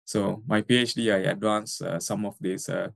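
Low-voiced hesitant man from Sri Lanka. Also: steady tone, normal speed, creaky, no echo. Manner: hesitant, many fillers. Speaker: guest researcher. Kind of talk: interview answers.

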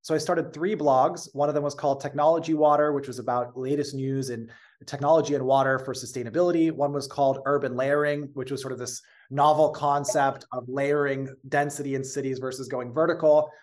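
This American man, a company founder, is a guest in a casual interview, sharing his story calmly and fluently with a filler here and there. His medium-pitched voice is steady, with a darkish tone.

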